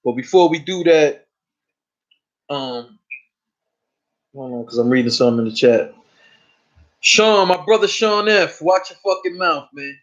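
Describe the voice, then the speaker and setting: A man's voice: on the high side, measured pace, pauses often. Profane, repetitive man hosting a lo-fi stream. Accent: New York. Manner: loose, profane, repeats words. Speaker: host. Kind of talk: casual live-stream chat. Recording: dull lo-fi stream audio.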